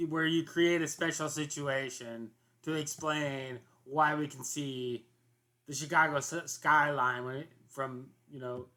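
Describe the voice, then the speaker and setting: A man with a fairly high, bright, forceful voice hosts a casual commentary segment. He rambles through his thoughts, stopping and restarting sentences and leaning on fillers as he goes. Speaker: commentary host.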